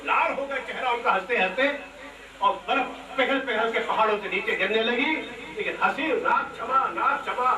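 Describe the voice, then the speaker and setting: A man's voice: extremely high pitch, normal speed, crowd noise. A man telling a devotional story as a religious storyteller, emphatic and asking rhetorical questions. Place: temple hall. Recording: echoey hall, distant mic, noisy.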